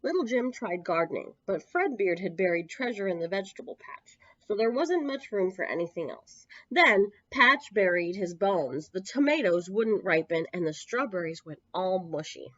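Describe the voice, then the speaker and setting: This library storyteller gives an expressive picture-book reading for little ones at normal speed with few pauses, her medium-pitched voice full of lively intonation. She stresses important words and draws them out. There's no room sound; the audio is close and dry, slightly lo-fi, with dull highs.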